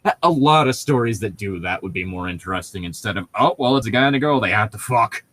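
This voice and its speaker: Talking fast in a lowish, expressive voice with a slightly bright edge, this man co-hosts a podcast about a book. The recording is dry, and his comedic chatter drifts into tangents with frequent self-corrections.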